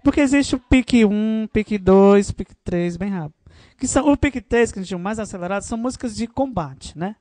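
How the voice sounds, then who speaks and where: Woman, workshop instructor, informal teaching, animated, dry close sound. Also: mid-range voice, a little fast, no echo. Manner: animated, chatty, frequent "né?" tag questions.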